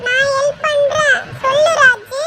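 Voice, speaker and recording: A woman's voice: very high voice, steady tone, measured pace, noisy background, voice pushed up. A woman voicing a timid little boy in a cartoon, whimpering and hesitant. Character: timid little boy Pappu, scared of his mom.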